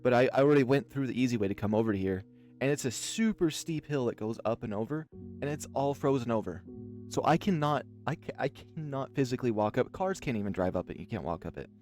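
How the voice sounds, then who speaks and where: An Oregon man who talks fast, with lively intonation and a medium-pitched, darkish voice, hosts a let's play of a visual novel. Over soft background music, he tells rambling stories in a casual, filler-filled way.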